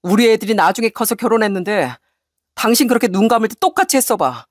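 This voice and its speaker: A woman voicing a resolute husband who answers his wife in a cold, measured, firm tone. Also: on the high side, lively intonation, dry recording, clean studio sound. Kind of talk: story radio reading.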